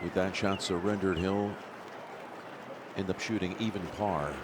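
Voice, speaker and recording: A man commentating live on golf as lead announcer, speaking in measured short phrases with dramatic pauses. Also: low-pitched, steady tone, heavy background noise. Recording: broadcast with music, crowd and outdoor ambience. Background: music and tournament crowd.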